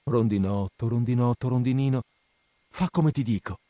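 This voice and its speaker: A man voicing a generous, sorrowful male statue prince in a storybook reading, speaking softly and imploringly. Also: medium pitch, normal speed, no echo, close to an everyday voice.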